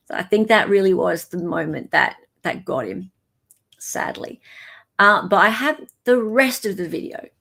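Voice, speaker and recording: This Australian woman runs a livestream and keeps things informal, chatting away and welcoming viewers in the middle of her talk. Her voice is mid-range with noticeable vocal fry.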